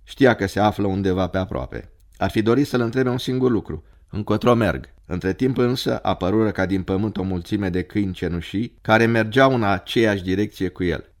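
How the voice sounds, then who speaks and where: A man narrating a story in a measured, dramatic reading. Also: lowish voice.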